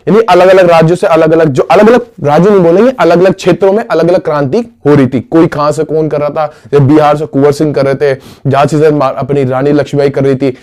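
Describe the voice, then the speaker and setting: Casual history teacher, slightly high voice. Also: male voice, mellow. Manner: casual, asks and answers his own questions; calls listeners "bhaiya". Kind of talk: exam-prep history lesson.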